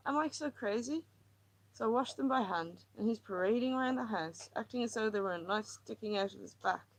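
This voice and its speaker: A woman reading aloud, voicing an anxious, troubled housewife who rambles and pleads, her voice often climbing high. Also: fairly quick, poor audio. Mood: exasperated.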